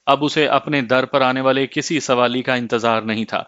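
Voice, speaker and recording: A man reading a story aloud as narrator in a steady, measured way, in a slightly muffled dry recording. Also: mid-range voice, clear, resonant tone, no echo.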